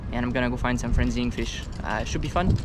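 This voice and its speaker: A man's voice: medium pitch, fast, heavy background noise. A young man, a fishing vlogger, talking casually outdoors by an urban canal into a chest-mounted action camera, with many filler sounds. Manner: relaxed, chatty, many "uh" fillers. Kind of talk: casual vlog narration.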